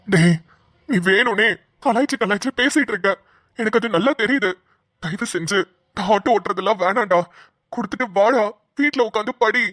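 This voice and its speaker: Cartoon role: stern, nagging older man, mid-pitched, played by a woman. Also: brisk, a bit bright, no echo, studio quality, close to an everyday voice. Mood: exasperated. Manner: scolding, repetitive pleading. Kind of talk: cartoon voice acting.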